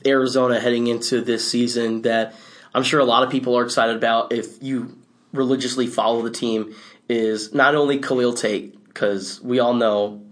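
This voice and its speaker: A man co-hosting a casual sports talk show, relaxed and loose, with restarts and quick laughs. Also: medium pitch. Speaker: sports podcast co-host.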